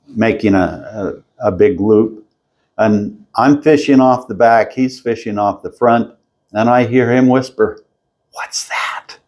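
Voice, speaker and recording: An older man telling his story as an interview guest at a convention, slow and halting, often stopping to clear his throat. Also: lowish voice, darkish tone. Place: convention floor.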